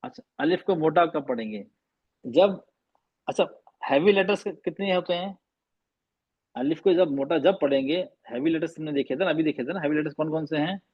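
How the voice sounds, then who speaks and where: A fairly high-pitched man, slightly rough in tone, speaks at a normal speed as he teaches Arabic letter sounds online, patiently drilling and repeating them. English phrases are mixed into his Hindi. His video call microphone produces lo-fi sound with no room sound.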